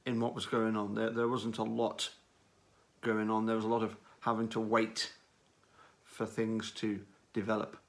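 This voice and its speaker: Unscripted remarks on a true-crime case come from a man with a lowish voice, who talks slowly and deliberately, stopping frequently and repeating himself.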